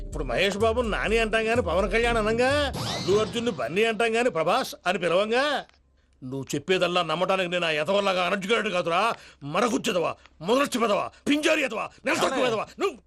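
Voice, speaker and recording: A man's voice: high-pitched, animated, a bit bright, faint music behind. An actor playing a hot-tempered man who fires off strings of colourful insults in a film. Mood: insulting. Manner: rapid scolding, strings of insults. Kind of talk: film dialogue.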